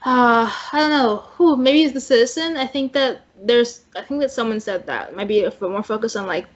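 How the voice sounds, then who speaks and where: A woman's voice: on the high side, normal speed, highs cut off. A woman hosting a casual TV recap chat, easygoing and hedging with fillers as she passes questions around. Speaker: podcast host.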